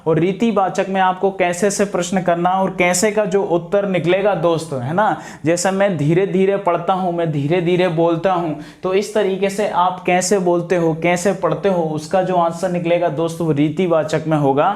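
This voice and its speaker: A man teaching a grammar lesson for exam preparation, asking questions and answering them himself, drawing out key terms slowly and addressing viewers as friends. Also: high-pitched, steady tone, darkish tone.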